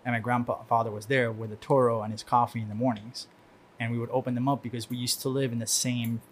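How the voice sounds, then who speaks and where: A man's voice: mid-range voice, little pitch movement, quick pace. A man from Cuba talks casually on a podcast, his voice sitting in a middle range. He laughs easily and trails into stories with many restarts. Faint noise hums under the recording. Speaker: guest. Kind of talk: casual chat.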